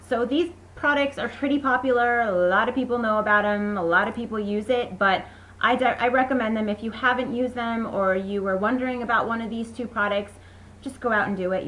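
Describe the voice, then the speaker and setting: A woman's voice: mid-range voice, a bit bright, slight background noise, poor audio. A young woman chatting casually and enthusiastically as she reviews beauty products, rambling a little with fillers. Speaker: beauty vlogger.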